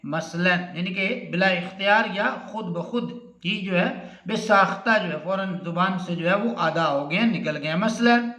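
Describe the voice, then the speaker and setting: A man's voice: high voice, normal speed, pushed and bright, echoey room. A man teaching a grammar lesson to students, explaining each example over and over with repeated filler phrases and frequent direct address to the class. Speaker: Urdu teacher.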